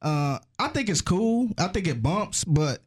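A man's voice: high-pitched, very animated, unhurried, husky. A man chatting casually and laying out his opinions at an easy pace. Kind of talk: casual chat.

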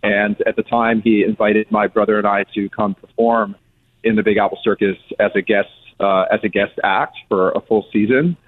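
A man gives explanatory answers as a guest in a radio interview. His voice is fairly low, and the sound is narrow and tinny, like a telephone line. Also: steady tone, moderate pace. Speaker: circus chief executive, guest. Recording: thin, phone-like band-limited sound.

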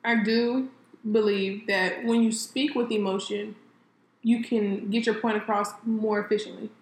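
A woman's voice: medium pitch, fairly even intonation, unhurried. Chatty woman from California, echoey room. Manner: chatty, laughs easily, addresses viewers as y'all. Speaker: co-host. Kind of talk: casual chat. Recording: echoey room with faint ambient noise.

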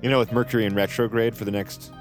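An actor in an immersive audio drama plays a cocky, wisecracking man held captive in a psychiatric facility, speaking to the listener in flippant, chatty asides. His fairly low, natural voice races with little pitch movement as he rambles, mutters and interrupts himself, with music playing behind him.

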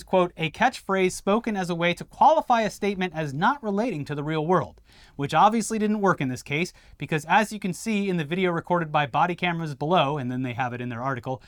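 A man's voice: high voice, no room sound, clean studio sound. Wry male co-host from Florida. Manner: explanatory, reading quotes with wry asides. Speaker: co-host of a news commentary show. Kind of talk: casual news commentary chat.

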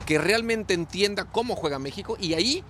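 Ex-player pundit, emphatic and repetitive, slightly high male voice, faint noise behind. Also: lively intonation, a little fast, fairly bright tone. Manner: emphatic, repeats phrases while arguing. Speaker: former player, football pundit. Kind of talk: sports panel discussion.

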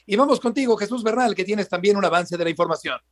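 A man's voice: sits high, quick pace. A man with a Mexican accent hosting a live sports news radio show.

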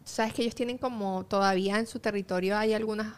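A woman, a guest in a casual chat, easygoing and soft-spoken as she tells stories. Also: medium pitch, steady tone, fast, clean tone.

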